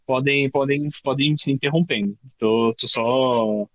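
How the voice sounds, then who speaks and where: A man's voice: medium pitch, no echo, highs cut off. A man with a Brazilian Portuguese accent giving a live coding workshop, talking informally and thinking aloud with many restarts. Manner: says he tends to talk fast. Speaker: workshop instructor.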